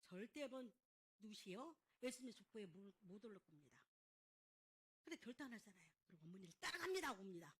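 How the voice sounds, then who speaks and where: A woman's voice: medium pitch, animated, a little fast, husky. A middle-aged woman pastor preaching a sermon with emphatic call-and-response questions, acting out the lines of biblical figures. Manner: acts out biblical figures' lines in dramatic voices.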